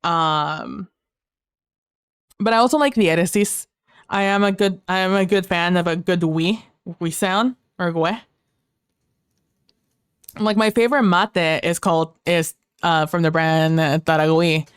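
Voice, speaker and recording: A woman's voice: on the low side, a little slow, long pauses, smooth, no echo, clean studio sound. A young woman who grew up speaking Spanish, chatting casually on a livestream as she reads chat aloud and rambles. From Mexico. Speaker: streamer.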